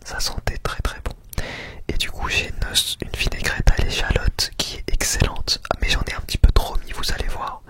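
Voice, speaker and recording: Whispering right up against the ear, a man narrates a food ASMR video, frequently repeating words and phrases for emphasis.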